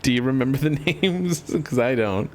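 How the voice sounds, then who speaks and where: A man's voice: medium pitch, lively intonation, moderate pace, slight background noise. A man giving casual, joking commentary while playing a video game, often breaking into laughter.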